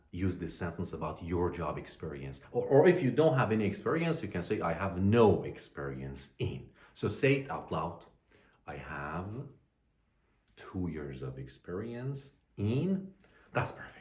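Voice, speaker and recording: A man teaching an English lesson to learners, speaking deliberately and repeating phrases for them to copy. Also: deep voice. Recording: echoey room.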